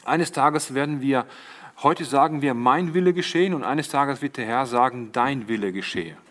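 A man's voice: medium pitch, moderate pace, fairly bright tone. A middle-aged man preaching a sermon, addressing the congregation as siblings and quoting Jesus with rising emphasis.

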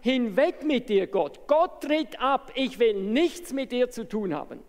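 A preacher voicing an angry shouting heckler. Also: male voice, very high-pitched, expressive, unhurried, full character voice. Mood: angry lament. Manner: shouting, lamenting. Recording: reverberant hall.

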